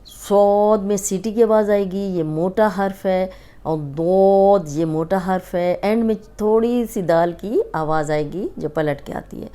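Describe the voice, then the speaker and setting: A woman teaching Quran letter pronunciation with a Pakistani Urdu accent, speaking slowly and patiently as she draws out each sound. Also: medium pitch, warm tone, smooth. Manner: patient, drawn-out letter recitation and explanation. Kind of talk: slow instructive lesson.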